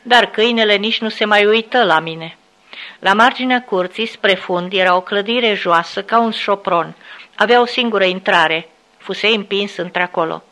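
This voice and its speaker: A woman narrating a memoir aloud in a steady, solemn storytelling manner. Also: medium pitch.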